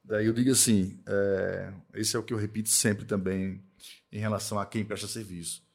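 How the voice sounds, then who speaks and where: A man from Northeast Brazil who runs an accounting firm, talking in a casual podcast conversation, emphatic and repetitive, tagging his points with quick checks for agreement. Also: on the low side, level tone, creaky. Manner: emphatic, repeats himself, tag questions "tá?" and "né?".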